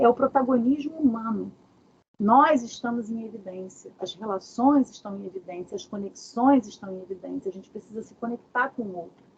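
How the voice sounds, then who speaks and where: Uma mulher dá um workshop online de casa, com jeito animado e muitas perguntas retóricas. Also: female voice, a little high. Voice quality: very husky. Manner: animated, asks many rhetorical questions. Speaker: workshop speaker. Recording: dull lo-fi video call audio.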